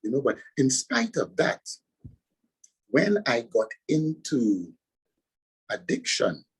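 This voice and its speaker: A man's voice: medium pitch, big pitch swings, takes it slowly, breathy edge, poor audio. A man from Trinidad and Tobago with a Trinidadian accent, a pastor and author answering interview questions with earnest, preacherly emphasis.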